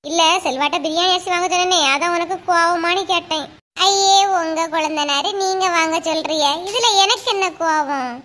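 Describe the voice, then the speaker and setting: A woman tells a cartoon story in a Kanyakumari Tamil accent and does all the voices herself. Her tone is very high and sharp. She keeps up a lively run of village banter and teasing asides. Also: normal speed.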